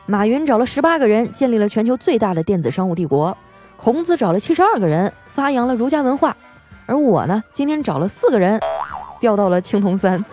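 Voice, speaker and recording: A woman's voice: fairly high pitch, very animated, a little fast, warm tone, faint music behind. A woman radio host reading out listener jokes in a playful, teasing way and laughing often.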